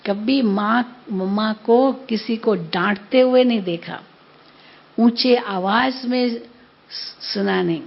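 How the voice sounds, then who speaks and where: An older woman in her seventies gives a spiritual class, telling stories in a gentle, very slow way and pausing to check that her listeners follow. The recording is dull and lo-fi. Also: medium pitch. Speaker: spiritual teacher.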